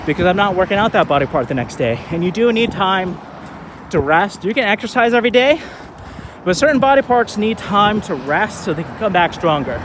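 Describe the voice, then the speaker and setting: A male vlogger in his thirties talks casually while skating outdoors, his voice sitting high and fairly quick over background noise. He's relaxed and rambling, with plenty of fillers.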